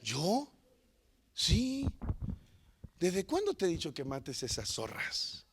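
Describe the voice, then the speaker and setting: A man preacher voicing God as a patient male figure, slow, soft and earnest. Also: high-pitched, huge pitch swings, breathy edge, exaggerated voice. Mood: gently reproving.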